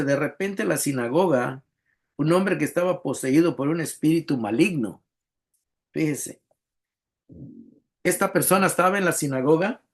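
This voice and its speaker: Conversational sermon from a male pastor, middle pitch, relaxed teaching, keeps asking "right?". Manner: conversational preaching, frequent "¿verdad?" tags and repeated words.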